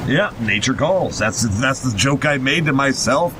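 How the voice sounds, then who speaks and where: An animated man speaking at a normal speed co-hosts a podcast, foul-mouthed and sardonic, shifting between casual commentary and mocking readings of a horror story. The recording is noisy and rumbling.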